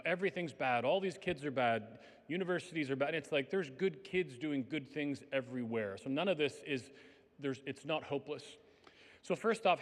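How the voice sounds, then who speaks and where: A man giving an earnest, conversational faith-based talk to educators, his voice a little worn from days of speaking. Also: mid-range voice. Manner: conversational, earnest, numbered points. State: tired, slightly worn voice. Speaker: conference speaker. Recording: long hall reverb.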